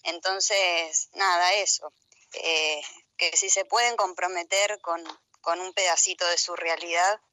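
A woman's voice: on the low side, steady tone, unhurried, sharp tone, dry recording. A woman guest from a community garden project, speaking earnestly on a radio interview and searching for words with fillers. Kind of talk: radio interview over a call.

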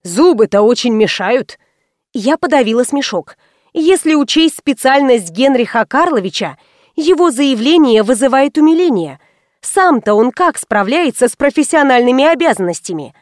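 A woman narrating an audiobook in the first person with wry, lively storytelling. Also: sits high, moderate pace, dry recording, studio quality.

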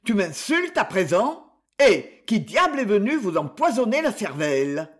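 A man voicing a drunken, domineering old miller who shouts indignantly. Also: high-pitched, sing-song, measured pace, exaggerated voice. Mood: angry.

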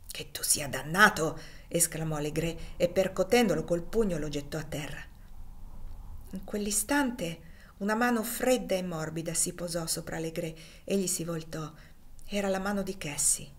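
A woman narrating a classic novel as an audiobook, in a measured, expressive reading voice. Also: lowish voice. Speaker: reader.

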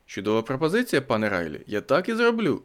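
A man's voice: medium pitch, wildly swooping pitch, quick pace. A man voicing an eager, polite young inventor in an audiobook.

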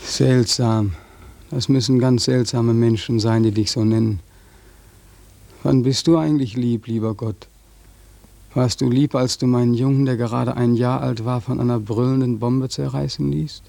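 A man's voice: medium pitch, fairly even intonation, normal speed, vocal fry, dark tone, dry recording, close to an everyday voice. An actor playing a bitter young war veteran who accuses God and mocks people while dreaming of his own death. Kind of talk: radio play acting.

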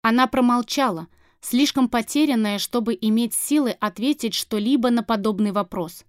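A woman narrating a novel in an even, measured voice that sits fairly high. The sound is close and dry, with no room around it. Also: no room sound. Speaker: audiobook narrator. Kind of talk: scripted narration.

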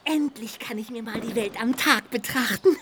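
A woman playing a plucky, childlike, cheeky little ghost in a children's radio play, excitable and talking to itself. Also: fairly high pitch, moderate pace, background noise, close to an everyday voice. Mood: eager.

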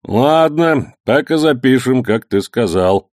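A man's voice: mid-range voice, animated, takes it slowly, darkish tone, dry recording, clean studio sound, pitched above the performer's own voice. A man voicing a stern, officious young male police lieutenant who talks in an official tone.

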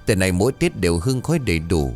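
A man's voice: deep voice, big pitch swings, quick pace, a little mellow, soft background music. A man doing a remorseful old landlord. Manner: choked, pleading.

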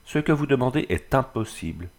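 A man's voice: medium pitch, lively intonation, fairly quick, voice pushed up. A man reading the part of a proud, defiant young wife in an audiobook, firm and disdainful. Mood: refusing.

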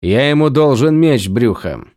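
Brief: man reading a calm, wry male mercenary, lively dry irony. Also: mid-range voice, a little slow, no room sound, close to an everyday voice.

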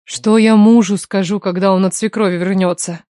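A woman's voice: medium pitch, a little fast, darkish tone, no echo, clean studio sound, natural voice. A woman narrator voicing a flustered, respectable woman teacher who protests indignantly. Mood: anxious.

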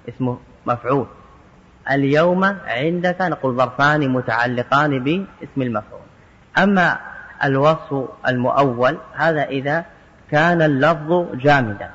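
A man at a middle pitch explains grammar with patient, methodical care, quoting an example and then breaking it down word by word. His voice carries a long hall reverb, and the recording sounds dull and lo-fi. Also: fairly bright tone. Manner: methodical, quotes verse examples then parses each word. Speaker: Arabic grammar teacher. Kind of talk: explaining a grammar text line by line.

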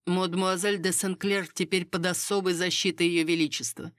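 A woman reading the part of a knowing court lady who passes on rumors in a hushed, conspiratorial, bitter way. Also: lowish voice, fairly even intonation, normal speed, dry recording, studio quality, pitched above the performer's own voice, lightly acted.

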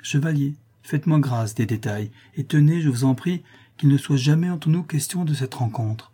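Tender anxious noble marquise, read by a man, soft husky tone, pleads gently. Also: a little high, normal speed, voice pushed up. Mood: pleading. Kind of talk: audiobook reading.

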